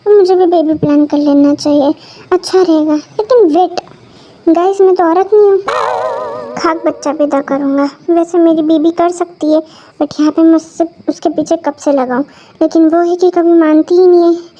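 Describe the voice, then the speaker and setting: A woman's voice: extremely high pitch, steady tone, moderate pace, mellow. A woman voicing a self-pitying young man who rambles and whines over his drink. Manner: whining, rambling. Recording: dull lo-fi recording.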